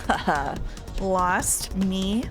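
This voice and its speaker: A woman voicing a haughty, confident game villain in a slow, theatrical, menacing manner. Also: mid-range voice, animated, soft background music. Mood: mocking.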